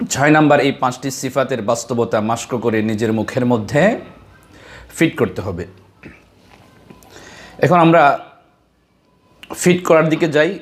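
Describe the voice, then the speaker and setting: A man teaching how to pronounce a letter in Quran recitation, explaining step by step and repeating syllables for practice. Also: medium pitch. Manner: slow, deliberate, drawing out sounds and repeating syllables. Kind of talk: slow, patient tajweed lesson.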